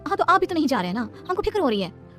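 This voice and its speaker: A woman voicing a gentle, caring young bride in a cartoon story, speaking politely. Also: high voice, sing-song, very fast, music in the background, voice pushed up. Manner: soft and polite.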